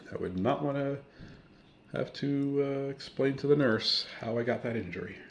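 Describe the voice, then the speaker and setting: A man's voice: medium pitch, moderate pace. A man narrating his daily routine at home in a plain, matter-of-fact way, talking through each step as he goes. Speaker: vlogger. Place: at home, kitchen. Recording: loud background noise.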